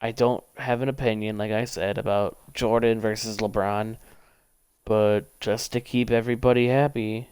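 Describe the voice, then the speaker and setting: A man's voice: fairly low pitch, little pitch movement, a little mellow, clear, resonant tone, dry recording. Young man streaming, casual rambling talk. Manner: rambling, thinks aloud, quick bursts. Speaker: livestreamer. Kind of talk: casual gaming commentary.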